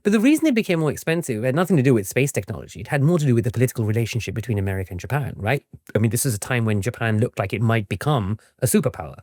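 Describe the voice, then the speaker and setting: An interview guest, a historian and author, speaks quickly and with great animation, his pitch jumping around a lot. His explanations are informal and conversational, often capped with a checking "right?", and the recording sounds dry and close.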